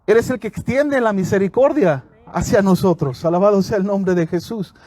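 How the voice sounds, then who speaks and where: High-voiced preacher man outdoors. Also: a little mellow, no room sound. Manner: earnest, calls listeners "hermanos", frequent amén. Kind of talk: outdoor sermon with scripture reading.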